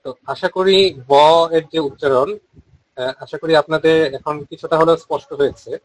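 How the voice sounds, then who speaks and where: Bengali-accented male teacher, fairly high voice, chants syllables slowly and steadily, dry close sound. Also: dry recording, poor audio. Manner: explains quickly, then chants syllables slowly and drawn out. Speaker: Vedic recitation teacher. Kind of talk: online pronunciation lesson.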